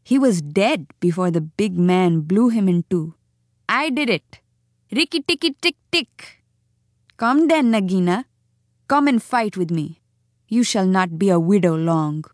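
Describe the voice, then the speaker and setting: A woman's voice: medium pitch, lively intonation, measured pace, dry recording, studio quality, close to an everyday voice. A woman voicing a brave, boastful young male mongoose in a storybook reading. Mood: gloating. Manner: bold, cocky, chuckling.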